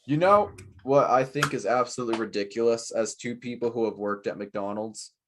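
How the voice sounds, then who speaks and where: A young man co-hosting a casual podcast, chatting in a rambling, self-mocking way and quick to joke. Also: medium pitch, slight background noise. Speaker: podcast co-host. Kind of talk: casual chat.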